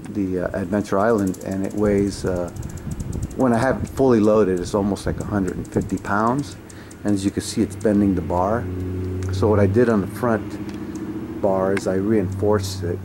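A man giving a casual spoken product review outdoors on a driveway, halting with many fillers and restarts, blunt in his opinions. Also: on the low side, warm tone, a little hiss or hum.

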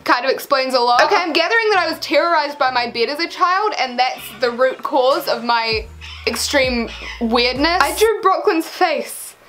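A woman's voice: high voice, lively intonation, normal speed, fairly bright tone, soft background music, poor audio. A teenage young woman reading her old diary aloud in a casual vlog, embarrassed and self-mocking, with theatrical emphasis on the read-out lines and dry commentary. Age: teens, about sixteen. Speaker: vlogger. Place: small bedroom, indoors.

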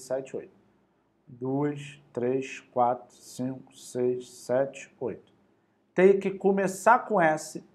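A male math teacher with a Carioca Brazilian Portuguese accent leads a high-energy exam-prep lesson. His voice is a bit high for a man, and he speaks in a lively, slangy, encouraging way, counting each step out loud.

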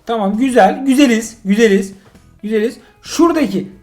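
A middle-aged man with an extremely high pitch speaks at a moderate pace, with soft music underneath. He's a father playing a mobile driving game with his son, casually commenting, joking a lot, and turning excitable or exasperated.

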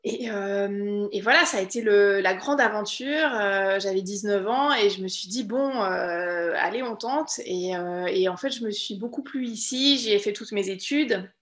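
A woman's voice: medium pitch, measured pace, few pauses, a bit bright. A French woman in her thirties, a concert pianist, speaking thoughtfully in a remote interview, with many hesitations and restarts. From France. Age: 30s. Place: room at home with bookshelves. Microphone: video call. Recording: echoey room over music.

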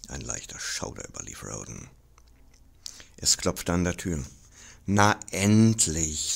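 A man reading a fantasy novel aloud as a dramatic audiobook narration, expressive and dropping into whispers at tense moments. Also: rumbling low, gravelly, slightly rough. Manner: expressive, drops to whispers for tension. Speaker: audiobook reader.

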